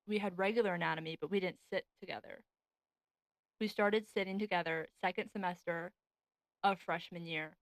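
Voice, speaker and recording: A nineteen-year-old woman co-hosting a casual chat podcast, talking loosely with lots of "like" and quick laughs. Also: lowish voice, fairly even intonation, dry recording, poor audio. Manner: chatty, laughs often, lots of "like". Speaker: podcast co-host. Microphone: desk podcast mic.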